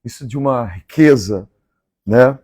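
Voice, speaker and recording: A man from Minas Gerais with a Mineiro Brazilian accent, reading a novel aloud on a live stream and pausing for chatty asides. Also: medium pitch, darkish tone, breathy edge, no room sound, clean studio sound. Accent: Mineiro Brazilian Portuguese. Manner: measured, repeats favorite lines and chats between passages.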